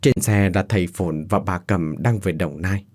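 Male narrator for a dramatic audio story: husky, dark, expressive. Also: low voice, normal speed.

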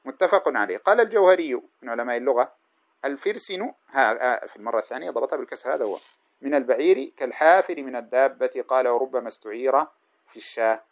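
A man teaching hadith commentary in a religious lecture, explaining at length and pausing to correct himself mid-sentence. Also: medium pitch. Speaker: Islamic scholar teaching hadith. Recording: dull lo-fi recording.

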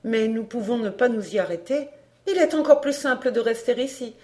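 A woman's voice: a little high, expressive, fairly quick, natural voice. A woman doing a guarded young heroine. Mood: restrained. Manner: quiet, restrained.

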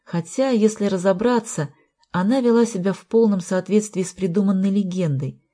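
A woman reading a novel aloud in an even, measured narration. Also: mid-range voice. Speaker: audiobook narrator. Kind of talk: scripted narration.

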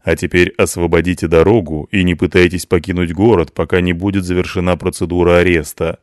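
A man as a calm, formal police enforcer. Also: low-pitched, dry recording, clean studio sound, close to an everyday voice. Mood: firm. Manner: slow, formal and firm.

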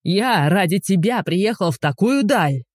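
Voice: medium pitch, sing-song, normal speed, no echo, studio quality, pitched above the performer's own voice, close to an everyday voice. A reader voicing a grown man, a whining, demanding, pompous ex-husband, in an audiobook. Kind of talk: audiobook dialogue.

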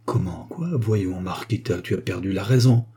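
A gentle, patient old village priest, as a man reading aloud puts him on in a storybook, speaking low and quietly. His voice is dark and slightly husky. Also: moderate pace.

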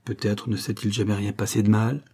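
A man's voice: fairly low pitch, little pitch movement, brisk, darkish tone. A man voicing a sly, mocking old male law clerk in an audiobook, with a sneering, ironic manner.

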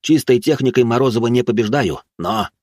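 A man's voice: medium pitch, expressive, a little fast, a little mellow, no echo. A man narrating an audiobook in the first person with dry, sardonic storytelling.

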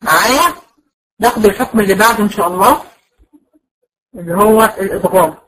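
A woman with an Egyptian accent giving a patient, explanatory recorded lecture to a class, drawing out example words slowly. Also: medium pitch, fairly bright tone, breathy edge, poor audio. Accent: Egyptian Arabic. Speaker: teacher.

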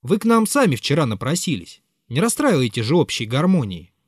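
A man reading an audiobook, voicing a blunt, gruff young officer scolding someone rudely. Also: on the high side, sing-song, a little fast, dry recording, studio quality. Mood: rebuking.

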